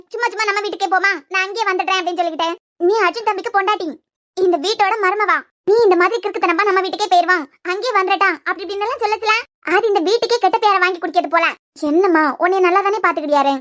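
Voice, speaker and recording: A woman voicing a gentle elderly grandmother in a cartoon series, speaking with a Kanyakumari accent in a coaxing, motherly, scolding way. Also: very high-pitched, very fast. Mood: soothing. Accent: Kanyakumari Tamil. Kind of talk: cartoon web series voice acting.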